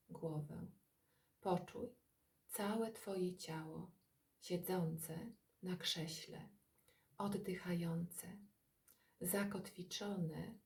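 A woman guides a relaxation meditation in a low, gravelly voice. She talks very slowly, in soft, calm phrases broken by long pauses. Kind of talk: guided body-scan meditation.

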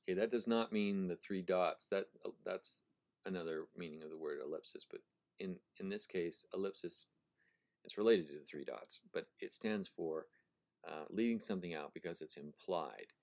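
A very low-voiced male professor walks through a passage of prose in a methodical lecture. He stops to repeat phrases slowly, savoring their sounds, and corrects himself as he thinks aloud. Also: gravelly, darkish tone. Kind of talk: recorded lecture on prose style.

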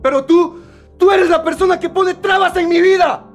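A resentful father lashes out in a scornful tone. His voice sits very high for a man. Soft music plays beneath. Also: animated, fast. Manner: bitter, scornful. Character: harsh, resentful father, later remorseful. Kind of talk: melodrama acting.

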